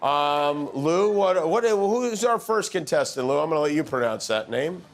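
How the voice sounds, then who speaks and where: A man's voice: fairly high pitch, expressive, normal speed. A middle-aged man hosting a late-night talk show, teasing his guests in wry, chuckling banter. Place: television studio. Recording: live studio audience, background noise.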